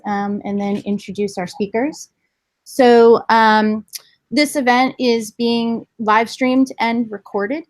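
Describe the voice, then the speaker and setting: In an indoor event room, a woman with a slightly high voice moderates a panel, introducing the speakers in a relaxed, friendly way with frequent ums.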